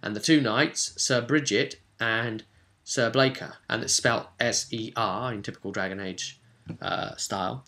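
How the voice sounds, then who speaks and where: A man with a fairly low-pitched, sharp-toned voice gives a casual, unscripted recap as a game master. He rambles enthusiastically and keeps correcting himself.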